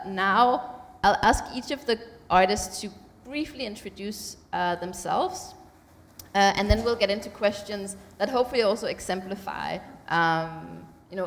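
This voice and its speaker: A woman's voice: medium pitch, unhurried. A woman curator introducing an art exhibition at a panel, speaking thoughtfully with many ums and uhs. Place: museum auditorium. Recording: long hall reverb in auditorium.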